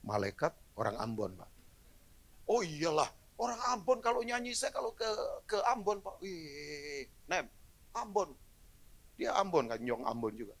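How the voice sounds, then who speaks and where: A middle-aged male pastor preaches live to his congregation, his fairly high voice leaping around with lots of gravelly fry. He jokes with the crowd and swings from quiet asides to bursts of loud emphasis. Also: unhurried. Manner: animated, joking with the congregation, swings from low asides to loud exclamations. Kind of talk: live sermon. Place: church hall, in front of a congregation.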